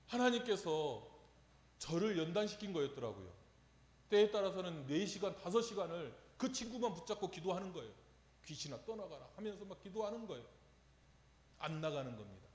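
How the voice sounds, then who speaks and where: Preaching in a reverberant church sanctuary, a pastor tells a story and throws rhetorical questions at the congregation. His high voice swings widely in pitch and runs a little fast.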